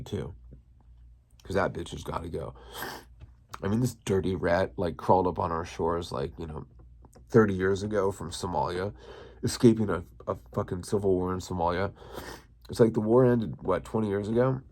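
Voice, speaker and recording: Gravelly low-voiced man ranting. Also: darkish tone, slight background noise. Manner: crude, heated, swearing. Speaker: channel host. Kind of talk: profane political rant.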